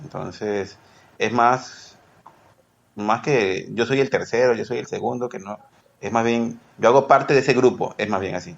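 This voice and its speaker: A man's voice: medium pitch, a little slow, creaky, dull audio. A man from Peru, a podcast guest who rambles, corrects himself and laughs easily. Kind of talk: casual podcast interview.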